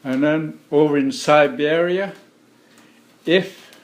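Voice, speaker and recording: A middle-aged man from Alaska, a native Yupik speaker, answering interview questions in a plain, measured way. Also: a little high. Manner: slow, plain-spoken, measured. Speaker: interview guest. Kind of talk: relaxed conversational interview.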